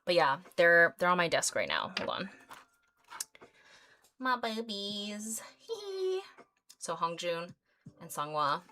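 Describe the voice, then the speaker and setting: A woman's voice: fairly low pitch, wildly swooping pitch, slow pace, long pauses, bright, forceful tone. A woman in her thirties hosting an art livestream, chatting casually as she paints, rambling with lots of fillers and easy giggles. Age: 30s. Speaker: artist livestream host.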